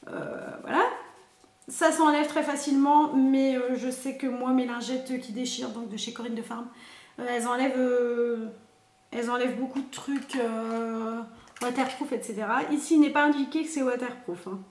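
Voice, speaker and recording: Woman, beauty vlogger, casual unboxing chat, lots of fillers, high voice, roomy echo. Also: steady tone, normal speed, darkish tone. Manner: chatty, many fillers, thinks aloud. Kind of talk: casual product unboxing and swatching.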